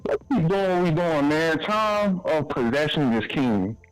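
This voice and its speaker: Male caller, very slow easygoing delivery, folksy sayings, faint music bed. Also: on the high side, lively intonation, smooth, poor audio. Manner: laid-back, folksy sayings. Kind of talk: casual sports call-in talk. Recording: phone-in call with music behind.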